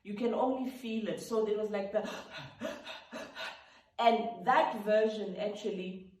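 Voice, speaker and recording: Speaking at a measured pace in a slightly mellow, mid-range voice, a woman reflects casually on the story behind one of her gospel songs. She is a singer-songwriter whose first language is Sotho, and she slips into bits of singing and vocal sounds. The room is echoey and the mic sits far away.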